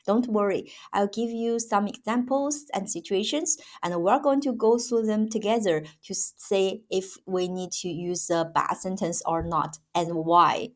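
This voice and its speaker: A woman's voice: mid-range voice, unhurried, few pauses. A woman giving a patient, emphatic grammar lesson as a language teacher, repeating each example.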